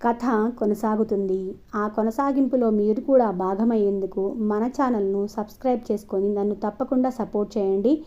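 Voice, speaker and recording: A woman storyteller narrating an audio novel with a measured, steady reading. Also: medium pitch, lo-fi sound.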